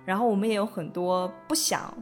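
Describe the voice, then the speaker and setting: Fast-talking woman telling a podcast story. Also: mid-range voice, over music. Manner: lively, laughs often while telling a story. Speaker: podcast co-host. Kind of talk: casual storytelling chat.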